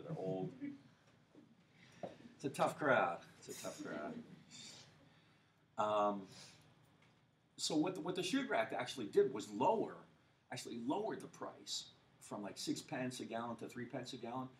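A man's voice: medium pitch, big pitch swings, fairly quick. A man lecturing a university history class in a loose, joking style, full of fillers and rhetorical questions to the students. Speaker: history professor. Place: lecture hall. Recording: far-off mic with faint hiss.

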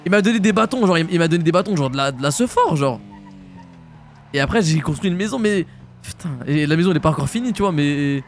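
Lively high-voiced young man streaming. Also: slight background noise. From France. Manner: casual slangy banter, quick jumps to high-pitched shouts. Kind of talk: live-stream roleplay chat.

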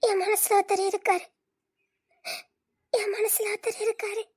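A woman's voice: very high-pitched, level tone, a little slow, a little mellow. A woman voicing a young woman who tearfully and earnestly refuses a friend's love in an audio drama.

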